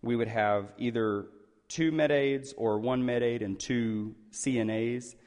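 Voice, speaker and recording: A man's voice: mid-range voice, steady tone, measured pace, darkish tone. A man giving an unscripted public talk as a presenter, hesitant and often repeating his phrases. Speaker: presenter on elder care taking questions. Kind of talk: public talk, unscripted with some read-aloud passages. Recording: echoey hall, long reverb.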